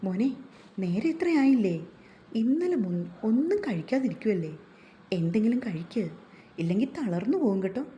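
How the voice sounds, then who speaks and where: A woman's voice: fairly high pitch, expressive, normal speed, long pauses, mellow, lo-fi sound, a little hiss or hum, lightly acted. A woman voicing a kindly, motherly older female helper who fusses over others in a read-aloud story. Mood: caring.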